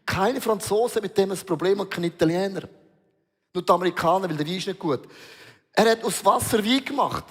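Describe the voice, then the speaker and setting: A man's voice: high voice, fairly quick, breathy edge. A man preaching a sermon as pastor, emphatic and storytelling, mixing in English words. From Switzerland. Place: large church hall. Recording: long reverb of a large hall.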